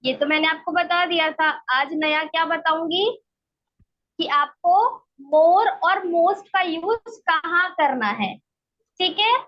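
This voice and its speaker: Female English teacher, very high pitch, slow and patient, keeps checking understanding; muffled online-class sound. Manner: explains step by step, checks understanding with "ठीक है?". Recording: dull lo-fi online class audio.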